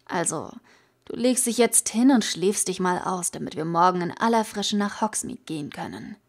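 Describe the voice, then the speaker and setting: A woman reading the part of a calm, caring teenage boy in a fan audiobook, speaking softly, at times almost in a whisper. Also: fairly low pitch, normal speed, gravelly. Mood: gentle.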